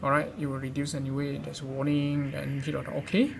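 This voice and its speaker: The clearly noisy amateur clip features a man hosting a gadget how-to guide, explaining steps informally with hesitation and repetition. He talks fairly quickly in a mid-range monotone.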